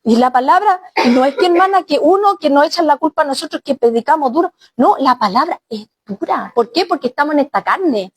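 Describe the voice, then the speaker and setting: High-voiced woman pastor preaching. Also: lively intonation, brisk. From Chile. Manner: exclaims often, addresses congregation directly as brother and sister. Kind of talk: sermon.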